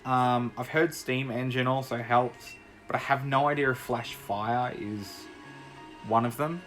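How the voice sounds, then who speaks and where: A man's voice: mid-range voice, steady tone, a little slow, fairly bright tone. A young man chatting casually as he plays and commentates a video game, rambling and laughing easily. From Australia. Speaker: gaming YouTuber. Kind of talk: casual commentary while playing. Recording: faint music behind.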